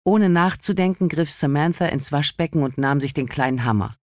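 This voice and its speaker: A man reading a novel aloud as an audiobook narrator, in calm, measured storytelling. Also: fairly high pitch, no room sound, studio quality. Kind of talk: scripted narration.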